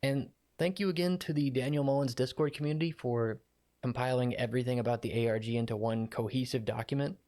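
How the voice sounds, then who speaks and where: A man's voice: mid-range voice, fairly even intonation, fast, dark tone. Male video essayist, friendly sign-off narration, mid-range voice. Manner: friendly, slightly rambling outro.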